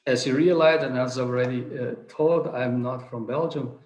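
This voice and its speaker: Speaking at normal speed in a steady, darkish mid-range voice, this Portuguese-speaking man in his thirties from southern Brazil gives an earnest award lecture online in a language not his own, full of hesitations and restarts. It's captured on a video call webcam, so the audio is roomy and the highs are cut off.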